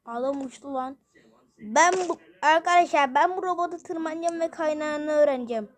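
A woman narrating a game video in a playful way, often breaking into excited exclamations. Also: high-pitched, brisk. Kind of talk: playful game commentary with many character voices.

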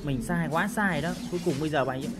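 A woman commentating on her own gameplay, excitable and full of loud, repeated exclamations. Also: low voice, fast. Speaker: game streamer. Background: game music and sound effects.

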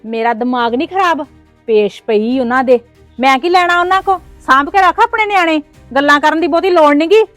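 A Punjabi woman in a scripted family drama, playing a sister-in-law who scolds and jabs with sarcasm. Her voice sits high and the words tumble out fast. The sound is dry and close, with faint music underneath. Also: fairly bright tone, dry recording.

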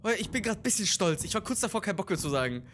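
A young adult gamer giving excitable, swearing horror-game let's play commentary to viewers, yelping at the scares. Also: mid-range voice, racing, slight background noise.

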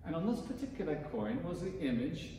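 A man's voice: a little high, big pitch swings, fairly quick, dark tone, slight background noise. A man, a vicar giving a conversational sermon who acts out the voices in the story. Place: church. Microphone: distant mic. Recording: echoey church from far off.

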